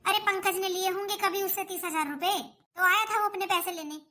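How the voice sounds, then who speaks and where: A bright, very high-pitched voice snaps and scolds as a stubborn mother-in-law in a home drama skit, acted by a woman. She brushes people off and argues back without pause. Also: fairly even intonation. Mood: pleading. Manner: scolding, dismissive. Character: nagging middle-aged mother-in-law, stubborn.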